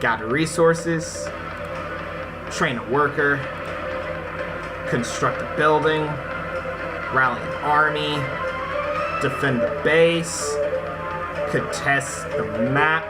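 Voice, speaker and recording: Speaking slowly with frequent pauses, a fairly high-voiced man hosts a casual let's play. He mixes slangy, informal asides with read-aloud story narration while video game music plays behind him.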